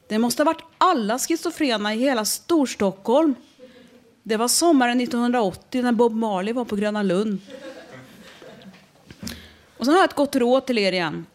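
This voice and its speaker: Stand-up lady, deadpan, talks right at the crowd, kinda high voice. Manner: deadpan, conversational, addresses the audience. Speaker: stand-up comedian. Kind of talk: stand-up comedy.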